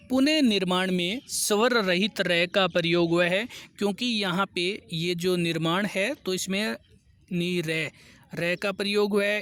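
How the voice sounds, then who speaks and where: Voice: medium pitch, a bit bright. A teacher giving a grammar lesson for exam prep, working through questions one by one, repeating each answer and reading the question numbers in English.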